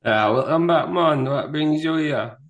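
A man's voice: on the high side, a little slow, voice pushed up. A man voicing a folksy, pushy spaceship salesman with homespun sales patter in an amateur script reading. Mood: welcoming.

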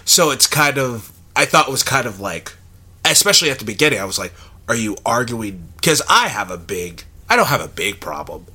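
Bright-voiced young man rambling casually. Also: mid-range voice, big pitch swings, a little fast, husky. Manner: rambling, filler-heavy, thinking aloud. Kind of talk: casual film discussion.

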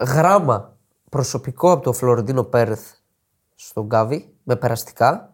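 A man's voice: medium pitch, lively intonation. A man co-hosting a football podcast, reading out betting odds and insisting on making his point. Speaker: podcast co-host. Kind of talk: casual football chat with betting tips.

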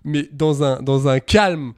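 Joking podcast host, dry sound. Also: male voice, fairly high pitch, slow, no echo. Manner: joking, stammering restarts, laughs often. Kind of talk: casual banter.

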